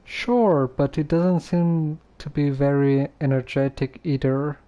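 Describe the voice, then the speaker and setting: A calm young man in a game, slightly high-voiced but soft and mellow. He talks slowly, with dry, deadpan doubt. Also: highs cut off. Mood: doubtful. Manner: unhurried, dry, hesitant. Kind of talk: video game character dialogue.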